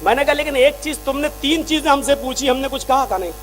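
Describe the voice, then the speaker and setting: A man giving a sermon and telling a story, acting out both sides of a conversation and rising to shouts. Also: very high-pitched, quick pace, soft background music. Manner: impassioned, acts out dialogues, rises to shouting. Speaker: preacher.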